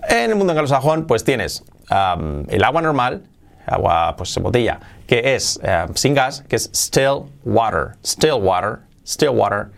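Gravelly Spanish man teaching English. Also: medium pitch, big pitch swings. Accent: Spain Spanish. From Spain. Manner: repeats words slowly, switches between Spanish and English. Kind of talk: casual spoken lesson.

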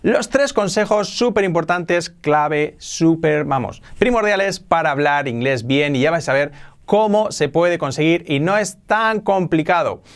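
A young man from Spain with a Spanish accent, hosting an energetic online English pronunciation lesson and repeating words to model them. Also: high voice. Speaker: English pronunciation teacher, channel host.

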